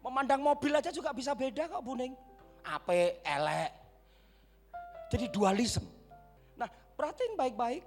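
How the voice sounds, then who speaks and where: A man with a Javanese accent preaching a sermon in church, turning straight to the congregation and swinging between dramatic shouts and hushed whispers. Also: extremely high pitch, lively intonation, measured pace, pauses often, faint music behind. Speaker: pastor.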